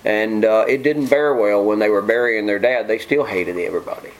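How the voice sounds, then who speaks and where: A man's voice: lowish voice, brisk, poor audio. A middle-aged man preaching an informal sermon, joking with his congregation. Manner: folksy, joking asides to the congregation.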